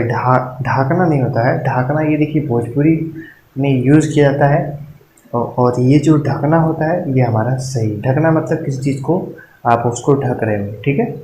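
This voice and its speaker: A man's voice: medium pitch, darkish tone. A man teaching a Hindi spelling lesson for exam preparation, explaining in a casual classroom way and often checking in with his listeners. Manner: repeats words slowly and checks in with frequent "ठीक है". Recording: echoey room with faint noise.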